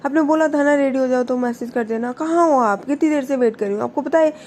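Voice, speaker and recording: A woman voicing an angry young woman who scolds her partner in sharp, rapid complaints. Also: mid-range voice, steady tone, a little hiss or hum, close to an everyday voice.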